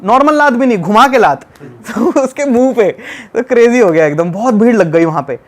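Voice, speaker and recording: A young man from tells a story in a casual chat. His voice sits high for a man, and he talks in an animated, emphatic way, repeating words for effect. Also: moderate pace. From Delhi. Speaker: podcast guest.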